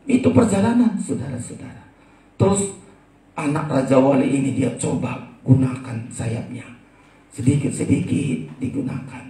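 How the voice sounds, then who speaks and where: A male pastor, preaching a sermon through animated storytelling and often turning to address the congregation. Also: mid-range voice, a little slow. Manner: animated storytelling, repeats "saudara-saudara". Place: church hall. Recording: roomy church hall, distant mic.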